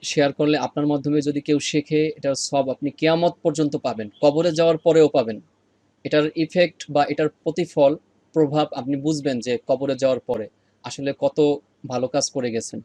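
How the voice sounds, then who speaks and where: A man's voice: fairly high pitch, steady tone, mellow, no room sound. Patient man teaching recitation sounds, dry. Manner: patient, repeats sounds slowly for practice. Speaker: Quran reading teacher. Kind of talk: online lesson.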